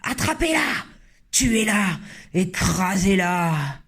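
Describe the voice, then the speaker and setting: Male reader playing a hysterical cook in a storybook, high and loud. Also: quick pace. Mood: panicked. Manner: shrieking, frantic yelling. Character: panicking male cook, shrill and frantic.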